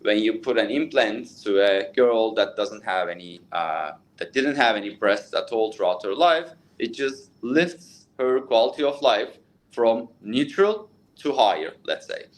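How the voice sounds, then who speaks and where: A Turkish plastic surgeon in his thirties answers interview questions in English at length, speaking with a Turkish accent. His fairly low voice is animated and measured in pace. He uses many fillers and restarts.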